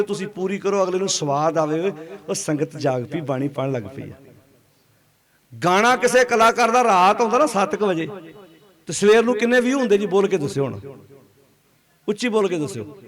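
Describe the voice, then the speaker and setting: A man giving a Sikh sermon to a congregation and often asking them to answer aloud. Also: sits high. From Punjab. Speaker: Sikh preacher. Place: gathering before a congregation.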